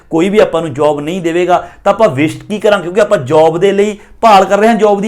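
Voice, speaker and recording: A man explaining an English grammar exercise, reading the example sentences slowly and then explaining them. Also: on the high side, a little mellow.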